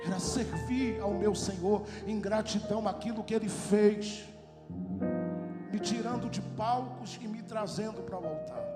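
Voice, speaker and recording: A man preaching a fervent sermon with a Brazilian Portuguese accent, on a handheld mic, swelling into shouting. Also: sits high. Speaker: pastor. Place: large church hall. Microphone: handheld microphone. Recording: echoey hall with loud music. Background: loud worship music.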